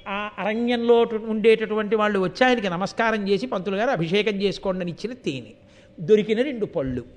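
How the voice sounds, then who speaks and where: An older man giving a religious discourse, telling stories animatedly and chanting verses in a drawn-out recitation. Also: sits high. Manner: animated storytelling, swings between soft and loud.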